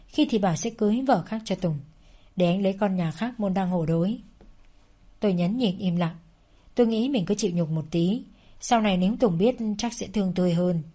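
Warm-voiced woman narrating a story. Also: mid-range voice. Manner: steady, measured storytelling. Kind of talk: first-person story narration.

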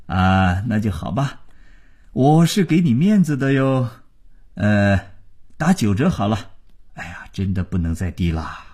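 Smug, flirty boss, read by a man: raspy, wheedling, lively pitch. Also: unhurried, exaggerated voice. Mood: haggling. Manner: wheedling, bargaining. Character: smug middle-aged male boss, flirty.

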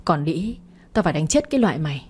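A woman voicing a furious middle-aged mother-in-law who curses rapidly in a low, husky voice. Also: very animated, full character voice. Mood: enraged. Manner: shrieking abuse, rapid-fire cursing.

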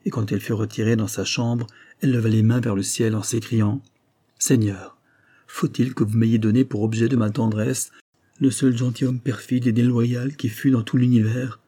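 Low, husky male audiobook narrator. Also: warm tone. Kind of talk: scripted narration of a classic novel.

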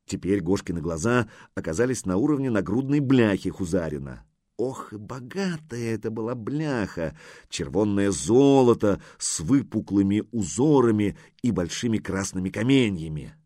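A male narrator reading a story with an animated, rising and falling voice. The recording is close and dry, with no room around it. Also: on the low side, normal speed, no room sound. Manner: expressive storytelling. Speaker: audiobook narrator. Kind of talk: scripted narration.

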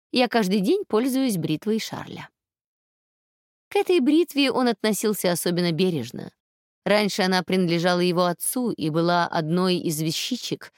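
Calm woman narrating an audiobook. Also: mid-range voice, no room sound, clean studio sound. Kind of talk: first-person scripted narration.

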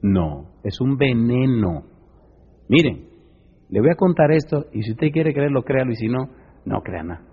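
A man's voice: mid-range voice, big pitch swings, normal speed, slightly rough. A Dominican man with a Dominican Spanish accent, preaching as a pastor and questioning his congregation. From Dominican Republic. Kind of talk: sermon. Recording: echoey hall, dull lo-fi sound.

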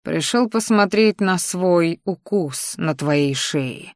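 A woman voicing a possessive young male dragon shifter, lowering her voice into a slow growl. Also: dry recording, clean studio sound, lightly acted. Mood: brooding.

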